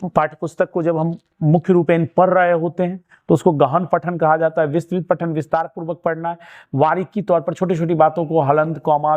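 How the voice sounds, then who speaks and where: A man's voice: on the high side, a little mellow, muffled recording. Hindi-speaking man teaching an exam lesson. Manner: explaining step by step, asking and answering his own questions; urging students to keep watching.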